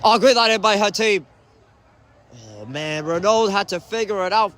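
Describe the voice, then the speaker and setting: A man giving excitable sideline commentary on a youth soccer match, groaning and shouting as plays unfold. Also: high voice, normal speed, a little hiss or hum. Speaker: amateur commentator.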